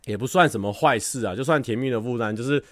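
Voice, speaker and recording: A livestream host with a mid-range voice chats casually with viewers, talking fast as he tells animated stories, acts out scenes, and laughs often. The recording is dry, with clean studio sound.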